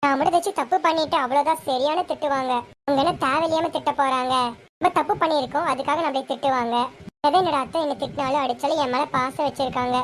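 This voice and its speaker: A woman's voice: high-pitched, steady tone, fast talker, lightly acted. A woman playing a motherly elder sister-in-law who gives long advice, in amateur serial acting. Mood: lecturing. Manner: advising, lecturing.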